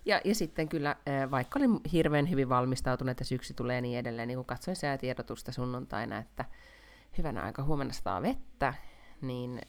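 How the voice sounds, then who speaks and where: A woman from Finland co-hosting a casual podcast chat, talking at length with lots of fillers and a playful, teasing manner. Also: very deep voice. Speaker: podcast co-host. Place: Helsinki.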